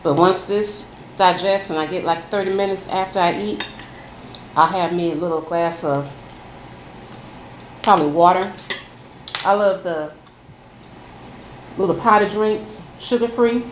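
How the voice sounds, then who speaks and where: Casual mukbang host: woman with a lowish voice, folksy and chatty, recorded in a very roomy space. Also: measured pace, long pauses. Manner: folksy, addresses listeners as y'all. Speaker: food vlogger. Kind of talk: casual chatty mukbang, talking to viewers while eating. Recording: echoey room, faint background noise.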